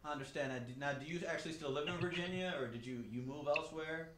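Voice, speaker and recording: Podcast host, man in his forties, casual and upbeat, lots of "um"s, echoey room with steady background hiss. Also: fairly high pitch, fast talker. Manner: upbeat, repeats himself, many fillers. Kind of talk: casual interview. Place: small home studio. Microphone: desk mic on a stand.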